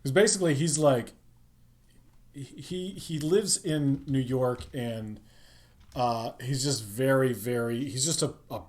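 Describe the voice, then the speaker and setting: A man's voice: mid-range voice, slow, a little mellow. A man chatting casually on a podcast, rambling with lots of ums and restarts. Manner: rambling, many fillers. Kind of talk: casual chat.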